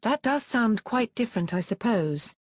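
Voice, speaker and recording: A woman's voice: a little high, animated, moderate pace, husky, dry recording. Synthetic woman as a wary, curious questioner. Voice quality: synthetic, stilted. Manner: earnest, questioning.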